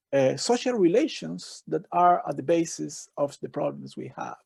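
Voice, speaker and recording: A man's voice: high voice, vocal fry, dark tone, no echo. A man from Chile with a Chilean Spanish accent, a researcher giving an earnest, reflective talk on a video call. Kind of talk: online talk.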